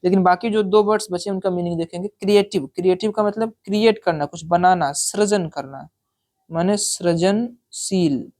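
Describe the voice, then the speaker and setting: A woman's voice: fairly low pitch, darkish tone. Patient woman teaching exam English. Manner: reads English sentences slowly, then explains them in Hindi; keeps checking with the listener. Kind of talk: exam-prep lesson.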